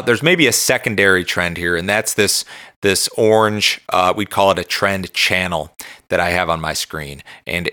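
A man with a low, forceful voice hosts an informal market commentary. He phrases things loosely and repeats himself conversationally, recorded very dry and close. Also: clean tone, no echo. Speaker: podcast host and market analyst.

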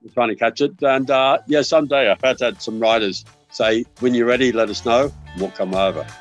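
A man's voice: medium pitch, fairly even intonation, a little fast, highs cut off, faint music behind. An older man with an Australian accent, a podcast guest telling rambling stories with many restarts over a remote call. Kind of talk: casual remote interview.

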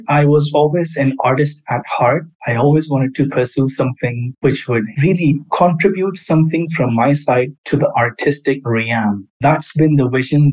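A man's voice: medium pitch, darkish tone, rough recording. A young adult man from Pakistan, a podcast guest answering interview questions in an earnest, expansive storytelling way.

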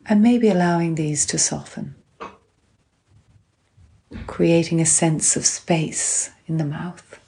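Calm gentle woman doing a guided grounding exercise, low voice, really slow w long pauses. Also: creaky. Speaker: guided relaxation instructor.

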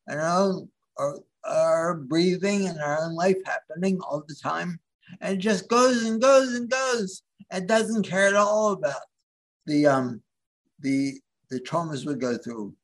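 A man from the Philadelphia area, a guest in an interview, speaking haltingly with many restarts as he searches for words. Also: a little high. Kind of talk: interview conversation.

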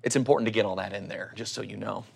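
A man's voice: on the low side, fairly even intonation, rapid-fire, gravelly, slightly rough. A middle-aged man with an Oklahoma accent gives a conversational sermon, teaching through scripture and posing rhetorical questions. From Oklahoma, United States. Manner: teacherly, asks rhetorical questions and answers them. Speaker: preacher.

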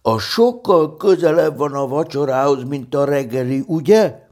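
A man reading a storybook, voicing an eager, impatient little male teddy bear who chatters excited questions. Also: a little high, pitched above the performer's own voice.

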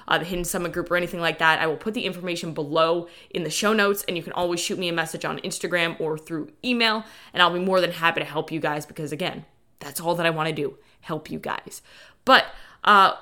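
A woman's voice: fairly low pitch, bright, forceful tone. A woman hosting a podcast as a coach, talking casually and motivationally to listeners in informal, lightly sweary language. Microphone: dedicated podcast microphone.

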